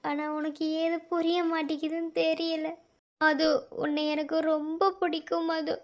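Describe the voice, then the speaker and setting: A woman voicing a young man in a cartoon love story, urgently pleading with the girl he loves to confess her feelings. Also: high-pitched.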